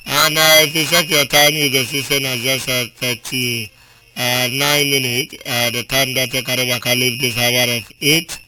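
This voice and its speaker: Speaking at normal speed with a medium-pitched, level voice, a man with a Nigerian Pidgin English accent hosts an informal call-in radio show against a noisy background. His talk is chatty, and he tags each point with a rhetorical "eh?".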